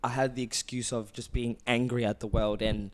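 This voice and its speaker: A young man from Ethiopia speaks at a middle pitch in a smooth, resonant voice. He tells his story in an earnest, reflective way, the way a brand founder talks on a relaxed podcast. His tone is sincere and steady throughout. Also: moderate pace. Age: 20s. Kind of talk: casual podcast chat.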